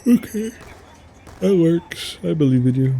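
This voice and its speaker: A man's voice: a little high, lively intonation, a little slow, vocal fry, dark tone, a little hiss or hum. A man playing a co-op game with a friend, joking around and swearing in mock outrage. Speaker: streamer's co-op partner. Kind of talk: casual gaming chat.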